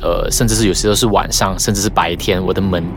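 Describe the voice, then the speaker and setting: A man's voice: low voice, fast, music in the background. A man, casually telling a ghost story as a guest. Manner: animated ghost story with laughs.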